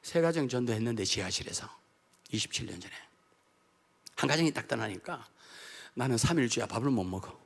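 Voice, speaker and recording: A middle-aged man preaching an evangelical sermon with personal testimony in a church, talking emphatically and swinging from hushed asides to shouted outbursts. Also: mid-range voice, expressive, a little fast, creaky, long pauses, breathy edge. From South Korea. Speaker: Baptist pastor. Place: church sanctuary during an evening service.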